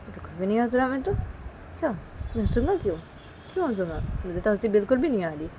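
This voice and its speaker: A woman's voice: medium pitch, very animated, fast talker, noisy background, pitched above the performer's own voice, lightly acted. Woman putting on a jokey dad voice, fake-innocent, keeps insisting he's not laughing, told-story style. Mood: teasing. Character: teasing playful middle-aged father.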